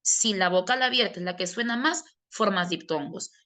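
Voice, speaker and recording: A woman's voice: mid-range voice, moderate pace, bright, forceful tone. A woman teaching a grammar class. She explains patiently and answers questions she poses in her students' voices. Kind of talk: online class lecture.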